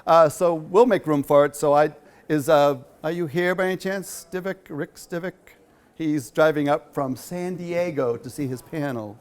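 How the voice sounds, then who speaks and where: A man gives a loose, chatty talk at a quilt show and fields questions from the audience. His voice sits a little high for a man, and he fills his pauses with plenty of uh's as he wanders between stories. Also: clean tone. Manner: chatty, rambling, many fillers. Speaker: featured speaker at a quilt show. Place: hall.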